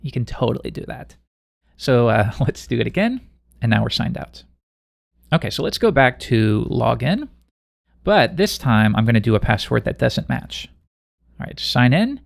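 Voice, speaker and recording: Casual male coding tutor, gravelly. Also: mid-range voice, moderate pace, no echo, studio quality. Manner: relaxed, conversational, thinking aloud while coding. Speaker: programming instructor.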